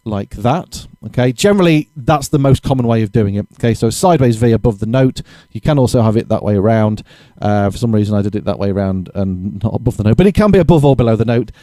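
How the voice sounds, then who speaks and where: A man giving a casual drum lesson, chatty and relaxed, correcting himself and counting beats aloud, with drums played between his explanations. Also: medium pitch, fairly quick, hardly any pauses, no echo. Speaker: drum teacher. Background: drumming between explanations.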